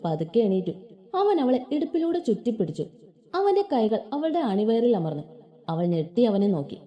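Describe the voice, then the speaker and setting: A woman's voice: on the high side, muffled recording. A woman reading a story aloud in a playful, colloquial way and voicing its characters. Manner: lively, playful colloquial narration.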